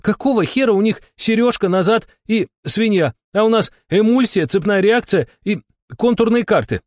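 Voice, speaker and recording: A man doing a loud, brash young woman. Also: sits high, brisk, no room sound, studio quality, voice pushed up. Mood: excited shouting. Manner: shouty, crude, excitable. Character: brash swearing young woman shaman, excitable.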